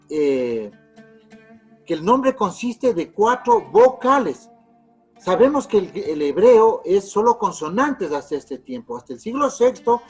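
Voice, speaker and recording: A high-voiced man with a husky tone gives a lecture on religious history. He talks, explaining step by step with frequent fillers and false starts. Faint music plays underneath. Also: darkish tone. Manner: explanatory, with many fillers and restarts. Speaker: religious teacher.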